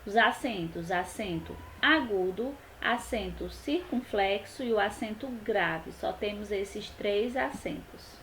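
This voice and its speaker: Young adult woman, teacher, recorded lesson, drawn-out stressed words. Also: mid-range voice, a bit bright, a little hiss or hum, poor audio. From Brazil. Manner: stresses words slowly for students. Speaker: Portuguese teacher. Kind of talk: recorded online class.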